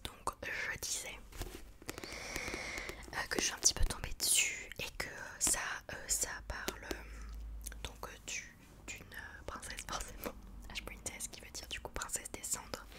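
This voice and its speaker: Whispering woman in hushed ASMR book chat. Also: measured pace. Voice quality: soft, breathy unvoiced whisper. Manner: hushed library whisper, informal and hesitant.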